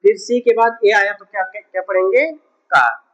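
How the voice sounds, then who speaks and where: A woman's voice: medium pitch, moderate pace, a bit bright, low-quality recording. A woman teacher explaining English pronunciation rules, asking questions and answering them herself. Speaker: school teacher. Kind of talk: classroom phonics lesson.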